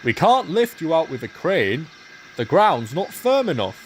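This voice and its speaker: A man voicing a stern, portly male railway boss in a storybook, measured and firm. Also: fairly high pitch, sing-song, a little hiss or hum, pitched above the performer's own voice.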